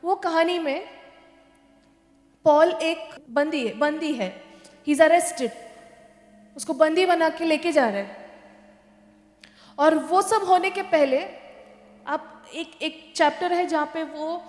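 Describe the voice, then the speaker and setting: A woman's voice: high voice, takes it slowly, long pauses. A woman pastor preaching a sermon, telling a story and slipping English phrases into her talk. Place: church hall. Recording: echoey church hall.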